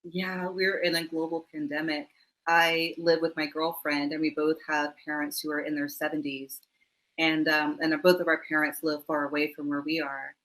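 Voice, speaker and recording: A woman's voice: sits low, little pitch movement, moderate pace, low-quality recording. A middle-aged woman, a mindfulness teacher, answering interview questions with laughing asides and acted-out quotes over a video call. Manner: warm laughing asides, acts out quoted voices.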